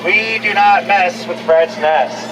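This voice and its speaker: A man with a high voice narrates a zoo train tour in an easy, joking announcer manner. His voice comes over an outdoor loudspeaker, heard from some distance. Vehicle and street noise sits clearly under it. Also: slow. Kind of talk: scripted tour narration with jokes.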